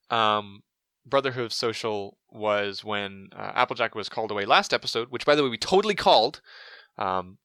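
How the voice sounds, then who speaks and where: A man with a low, bright, forceful voice co-hosts a casual podcast chat. He rambles along with plenty of fillers and restarts. The sound is close and dry. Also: dry recording. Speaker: podcast co-host.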